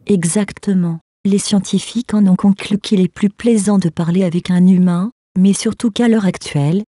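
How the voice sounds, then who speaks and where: A calm female AI assistant, played by a woman, talks in a slightly robotic, synthetic-sounding voice. She explains things in a polite, measured way, in a mid-pitched and mellow tone. The sound is dry and close. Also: no room sound, lightly acted. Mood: informative.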